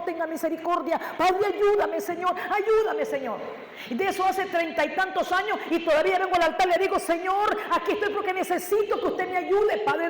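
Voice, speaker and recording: A woman, preaching a heartfelt sermon directly to her congregation. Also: high-pitched. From Nicaragua. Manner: impassioned, testimonial, addresses congregation directly. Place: church sanctuary. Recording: echoey hall with faint noise.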